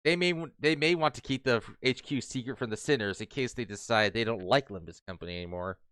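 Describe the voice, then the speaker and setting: Bright-voiced man reading game lines. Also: medium pitch, quick pace, clear, resonant tone, no room sound, studio quality. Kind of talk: casual group reading of game dialogue.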